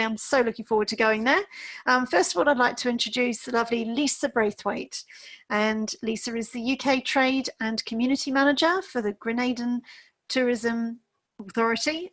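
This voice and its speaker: A woman's voice: a little high, a bit bright. A woman hosting an online training webinar, chatty and friendly, with the odd filler. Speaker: webinar host.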